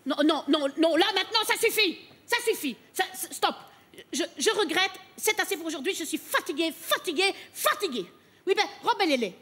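A woman's voice: very high-pitched, expressive, normal speed, a bit bright. A woman playing a tired, flustered female opera diva who stammers and breaks into song in a stage sketch.

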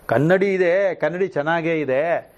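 Male scripture teacher, lively questioning delivery, fairly high voice. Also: unhurried. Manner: animated, often asks the listeners questions. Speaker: spiritual teacher. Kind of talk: discourse on scripture.

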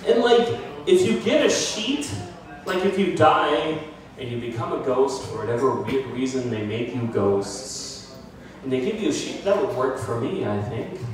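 An American man in his thirties performs a self-deprecating stand-up set in a small indoor bar with brick walls, his mid-range voice moving at a normal speed. He's animated, holds a handheld mic, and puts on voices for his bits. A phone in the audience films from far off, so the bar sounds echoey and audience laughter comes through.

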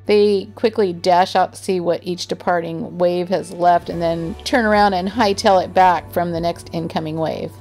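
A woman giving calm, informative scripted narration for a nature vlog, gently enthusiastic as she explains. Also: lowish voice, normal speed, few pauses, faint music behind. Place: voice-over, not recorded on the beach.

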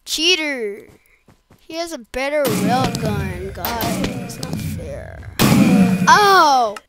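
A woman giving casual gameplay commentary, excitable and yelping and groaning at the game. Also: a little high, slow, loud music behind the voice. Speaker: gaming channel host.

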